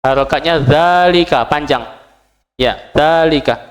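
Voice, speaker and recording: Slow, patient man teaching a language class. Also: on the high side. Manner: patient, repeats each Arabic phrase and then translates it; quizzes the class with short questions. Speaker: Arabic teacher.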